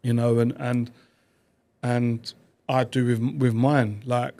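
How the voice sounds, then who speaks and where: Animated man telling stories. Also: medium pitch. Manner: animated, quick bursts with trailing restarts. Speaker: podcast guest. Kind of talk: reflective conversational storytelling.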